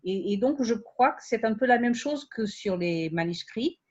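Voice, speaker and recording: A woman's voice: on the high side, animated, moderate pace, darkish tone, breathy edge, dull audio. A woman who is not a native French speaker, with a foreign accent in French, speaking unscripted at an academic round table and often restarting as she searches for words.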